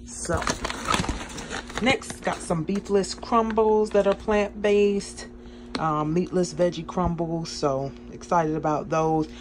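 A woman chatting excitedly in a casual grocery haul vlog from a small home kitchen, with many ums along the way. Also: fairly low pitch, slow pace, background noise. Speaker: vlogger.

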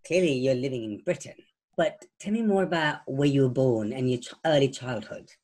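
A man's voice: medium pitch, a little fast, a little mellow. A man interviewing a guest, asking patient questions and restating the answers before moving on. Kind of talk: oral history interview.

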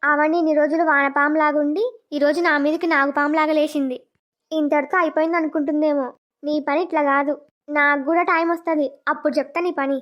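A woman's voice: sits high, level tone, fast talker, fairly bright tone. Woman voicing a scheming young sister-in-law. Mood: plotting. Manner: muttering to herself, plotting. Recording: dull lo-fi cartoon audio.

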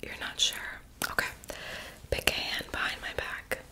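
Young female ASMR performer, whispered role-play, close-up breathy whisper with tingly mouth sounds. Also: normal speed, sharp tone. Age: young adult. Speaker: ASMR performer playing a friend doing homework and makeup on the listener. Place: small bedroom, indoors.

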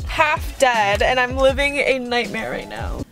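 A woman's voice: a little high, unhurried, creaky. A young American woman chatting casually for a vlog in a car, dramatic and exclamatory in a slangy way. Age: young adult. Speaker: vlogger. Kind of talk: casual travel vlog chat with friends. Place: inside a moving car. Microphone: handheld camera at arm's length. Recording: loud background music.

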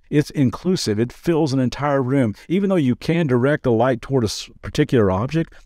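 Earnest conversational pastor, dry sound. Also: male voice, mid-range voice, darkish tone, no room sound. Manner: conversational and earnest, with quick asides and playful jokes. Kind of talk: daily devotional podcast teaching.

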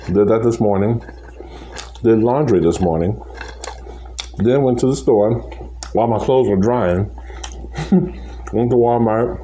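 Slow, low-voiced man chewing while talking in a relaxed home eating vlog; faint hiss behind. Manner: rambling, relaxed, many fillers and restarts. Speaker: mukbang vlogger. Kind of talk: casual chat while eating.

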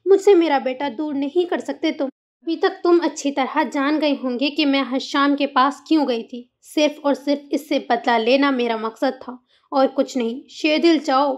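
A woman's voice: sits high, normal speed, lightly acted. A woman voicing a young mother who talks in a pleading, insistent, upset way. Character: young mother, fiery and demanding.

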